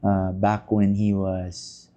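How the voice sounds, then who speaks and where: Filipino guest in his 30s, low mellow voice, measured and halting. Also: monotone. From Philippines. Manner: measured, with many pauses and "uh" fillers, mixing Tagalog into English. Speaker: podcast guest, business leader. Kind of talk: casual interview talk.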